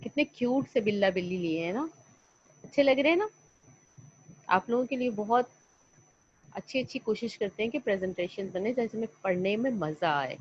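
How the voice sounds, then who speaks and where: A woman's voice: mid-range voice, animated, pauses often, a little hiss or hum. A woman teacher giving an online lesson to young children, coaxing them along by asking questions and answering them herself. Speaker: primary school teacher. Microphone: computer mic on an online class call. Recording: slightly dull lo-fi online call audio.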